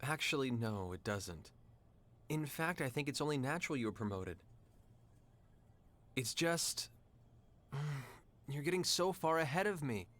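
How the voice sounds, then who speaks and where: A man's voice: medium pitch, very animated, unhurried, long pauses, fairly bright tone. An actor playing a serious, easily irritated young space cadet in a video game, with a dry, sardonic straight-man manner. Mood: subdued. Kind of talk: English video game voice acting.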